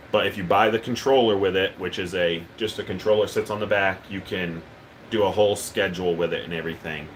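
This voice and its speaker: A man's voice: lowish voice, a little hiss or hum. A man hosting a live stream, talking casually and rambling with lots of ums as he reads chat. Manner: relaxed, rambling, many ums and uhs. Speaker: livestream host.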